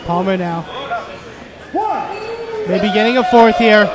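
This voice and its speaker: A man giving live play-by-play as a pro wrestling commentator, excitable and shouting out the moves. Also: sits high, slow pace. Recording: noisy live arena with loud crowd. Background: loud crowd and venue noise.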